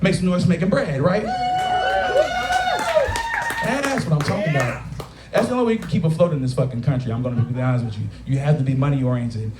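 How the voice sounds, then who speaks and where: On a taproom stage, a comedian in his thirties delivers a crude, chatty set in a medium-pitched voice, moving briskly but pausing often. He frequently engages the live crowd, with audience laughter and noise echoing around the bar room.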